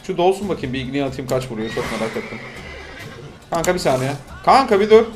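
A young man casually commenting while playing a video game, with loud excited outbursts and shrieks. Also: mid-range voice, fast talker, faint music behind. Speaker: gaming streamer. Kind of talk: casual let's-play commentary.

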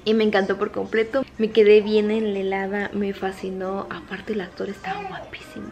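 A young woman chats to her camera at home late at night. She keeps her voice hushed and rambles from one thought to the next with plenty of fillers. Her pitch sits in an ordinary middle range. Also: normal speed, faint music behind. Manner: chatty and rambling, with many fillers; hushed at night while others sleep. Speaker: vlogger. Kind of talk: casual chat to camera.

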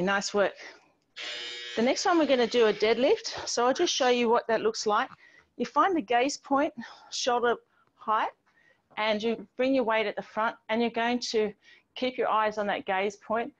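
Her voice a bit high and her pace a little slow, a middle-aged woman instructs an online exercise class, moving with the group and giving supportive step-by-step cues. She's on an outdoor home patio with a garden wall. The audio, from a distant device microphone on a video call, is dull and band-limited.

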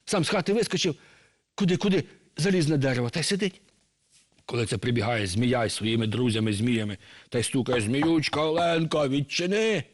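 A man telling a folk tale to children, lively and talking straight to his young listeners. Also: medium pitch, fairly quick, pauses often. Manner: lively, talks directly to children. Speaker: storyteller for children.

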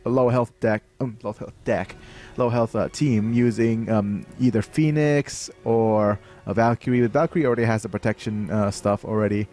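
With soft music playing behind him, a young man from Thailand gives live game commentary in a fairly low, steady, darkish voice at a moderate pace. His light Thai accent comes through, and he often uses fillers and restarts his sentences.

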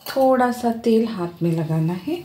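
A woman hosting a home cooking tutorial, calmly explaining each step as she goes. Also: on the high side, unhurried, slight background noise. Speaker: cooking channel host. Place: home kitchen.

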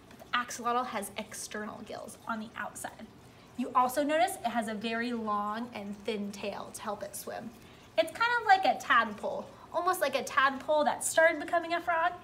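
A woman's voice: on the high side, sharp tone, a little hiss or hum. A young adult woman speaking as a cheery zookeeper, giving a simple educational talk to camera. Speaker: zookeeper presenter. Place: small indoor room beside an aquarium.

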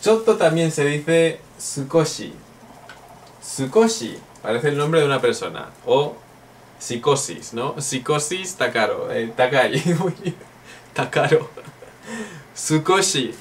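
A man's voice: fairly high pitch, expressive, slow, recorded from a distance, a little hiss or hum. Playful man teaching Japanese. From Spain. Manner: playful, jokey, drills phrases aloud. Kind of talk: online language lesson.

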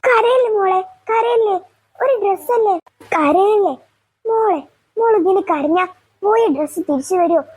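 A woman's voice: very high-pitched, a little slow, a little mellow. A woman voicing a cartoon mother-in-law who stammers and scolds, then coaxes and soothes. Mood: soothing. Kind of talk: cartoon voice acting.

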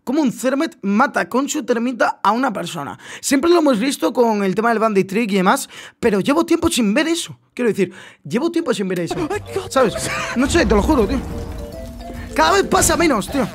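Excitable Spanish man reacting to gameplay. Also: extremely high pitch, a little fast, breathy edge, faint music behind. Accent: Spain Spanish. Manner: excitable, swears, repeats exclamations. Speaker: gaming YouTuber. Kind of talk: reaction commentary on gameplay clips.

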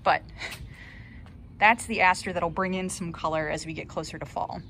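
Recorded on a handheld phone out in the open, a woman in her thirties who runs a gardening vlog offers a chatty, casual tour with upbeat asides. She speaks at a moderate pace in a fairly bright, lower-leaning voice with fairly even intonation. Outdoor ambient sound fills the background.

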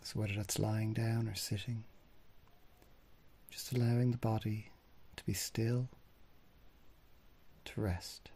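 A mindfulness meditation teacher guides a body scan, gently instructing in unhurried phrases separated by long pauses. His voice is low, level, husky, and breathy, often trailing off into a near-whisper.

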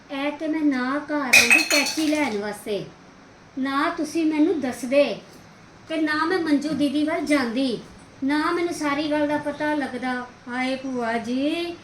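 A woman's voice: high-pitched, a bit bright. A woman playing a fussy young daughter-in-law in a homemade family drama, complaining with wailing drama. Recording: echoey room, faint hiss.

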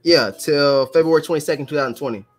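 A young man in his twenties talking on a video call, with a voice pitched a little high. He speaks loosely and uses a lot of slang, and he hesitates over fillers as he thinks. It is a casual group conversation. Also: fast talker. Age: 20s.

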